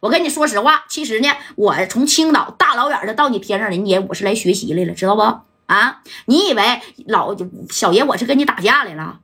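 A woman's voice: a little high, lively intonation, fairly quick, hardly any pauses, bright, forceful tone, breathy edge, heavily acted. Woman doing a swaggering gangster boss. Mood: scornful. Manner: swaggering, crude, taunting. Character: brash male gangster boss, cocky and threatening.

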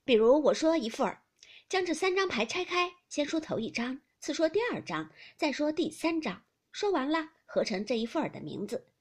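A woman voicing a lively young lady's maid who runs a drinking game, talking in a brisk, playfully commanding way. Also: high-pitched, voice pushed up. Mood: explaining. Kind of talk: audiobook character reading.

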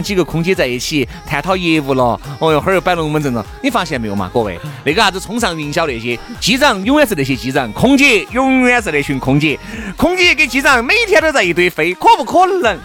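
Man, Sichuan accent, fast talker, bright forceful voice, exclamatory casual co-host. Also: high voice. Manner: colloquial Sichuan dialect, exclamatory, emphatic repetition. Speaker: talk show co-host. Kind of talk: animated casual chat for listeners.

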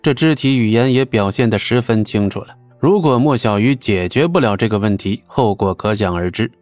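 A man narrating an audiobook in a steady, even storytelling manner. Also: fairly low pitch, a little fast, no echo, faint music behind.

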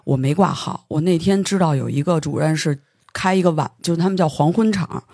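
A podcast host, telling a story in casual studio chat, animated and stumbling over words when excited. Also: mid-range voice, fairly quick, vocal fry, dry recording.

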